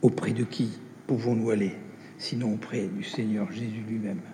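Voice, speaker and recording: Male preacher with a mellow, measured delivery and an echoey hall sound. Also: on the low side, fairly even intonation, slight background noise. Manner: slow, measured, dropping soft on quoted words. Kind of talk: sermon. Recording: echoey hall with long reverb.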